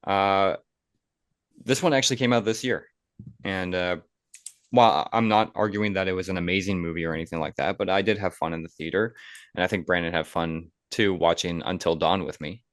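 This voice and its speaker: A young podcast host with a low-pitched voice rambles conversationally at a fairly quick clip, circling back over his phrases with fairly even intonation. The recording is dry and close, with no room sound.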